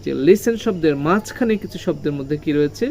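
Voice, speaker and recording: There's a little hiss or hum behind this English teacher, whose medium-pitched, darkish voice is expressive and quick. Teaching children, the teacher poses questions, answers them, and hammers key words through heavy stress and repetition.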